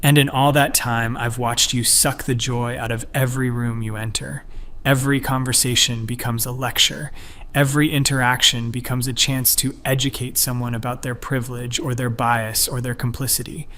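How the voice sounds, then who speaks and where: A quiet middle-aged woman speaks with sorrow rather than anger, voiced by a male narrator. Her words come soft and sad at a middle pitch. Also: flat delivery, normal speed.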